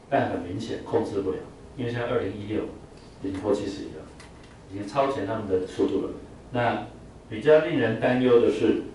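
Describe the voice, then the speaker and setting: In a lowish voice with a darkish tone, a male teacher leads an English vocabulary class, explaining with many "啊" fillers and drilling students in repeating words. The room echoes, he sounds far off, and there is faint noise.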